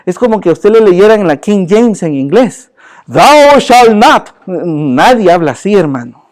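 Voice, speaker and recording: A man with a high-sitting voice, speaking at normal speed, teaches a church Bible class in a lively, joking manner. He often poses questions to his listeners and addresses them as brother.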